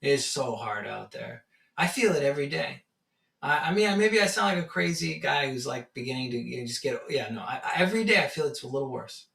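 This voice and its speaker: A man's voice: medium pitch, fairly quick, creaky. A man giving a casual spiritual teaching talk, telling stories and acting out his own reactions. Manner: animated storytelling, acts out his own reactions. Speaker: meditation teacher. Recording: roomy echo, from far off the mic.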